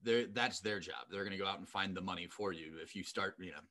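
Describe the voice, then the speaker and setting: Low-voiced man co-host, bright tone. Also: fast. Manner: loose, repetitive fillers like "you know" and "like". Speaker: podcast co-host. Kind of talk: casual chat, interviewing.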